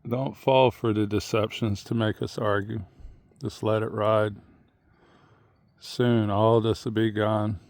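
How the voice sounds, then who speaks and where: A man's voice: fairly low pitch, little pitch movement, slow pace, a little mellow, no room sound, clean studio sound. A man vlogging in a rambling, plain-spoken monologue as he walks outdoors, musing and drifting from one thought to the next. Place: outdoors on a muddy tidal shore.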